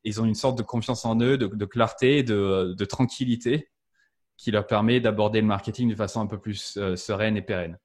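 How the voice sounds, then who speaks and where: Man, lowish voice, casual podcast talk, hesitant. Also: steady tone, normal speed, a little mellow. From France. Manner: hesitant, many fillers and restarts. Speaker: podcast guest, marketing strategist. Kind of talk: casual interview chat.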